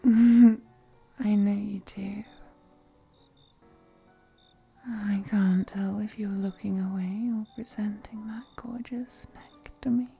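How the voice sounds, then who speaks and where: The speaker is a woman playing an ancient vampire seductress, whispering slowly and breathily in a mellow voice of medium pitch with fairly even intonation. With music behind her, she teases, flirts possessively, and purrs endearments like an intimate roleplay audio drama.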